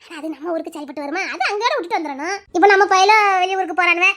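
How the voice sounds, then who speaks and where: A woman's voice: very high-pitched, very fast, fairly bright tone. A woman playing a blunt, gossipy older village mother of the groom. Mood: scolding. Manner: scolding, gossipy, preachy.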